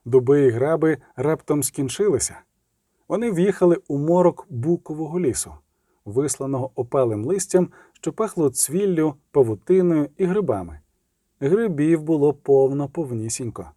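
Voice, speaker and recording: A man narrating a fantasy audiobook in a steady, dramatic storytelling manner. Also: fairly high pitch, normal speed, no room sound, studio quality.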